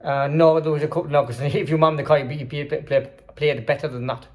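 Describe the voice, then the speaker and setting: A man's voice: a little high, fairly even intonation, fast, darkish tone. A man chatting casually to camera in a travel vlog, rambling with lots of fillers. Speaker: vlogger. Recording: faint background noise.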